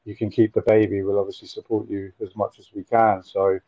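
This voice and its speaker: This interview guest is a man in his forties from Nottingham, England, telling stories casually over a video call from a home room with window blinds. His voice is low, mellow and flat, and he falters, repeats himself and leans on fillers. The recording sounds dry and muffled.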